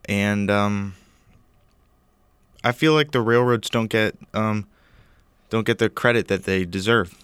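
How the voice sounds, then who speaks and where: A man's voice: lowish voice, a little slow, pauses often, a bit bright, clear, resonant tone, no room sound. A young man hosting a casual podcast, joking and rambling, often trailing off into mumbles. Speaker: podcast host.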